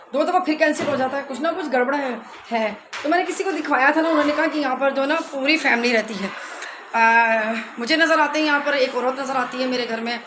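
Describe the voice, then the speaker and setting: A middle-aged woman, chatting casually in a home vlog from her rented house and retelling her arguments in an animated way. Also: high voice, reverberant, background noise. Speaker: vlogger.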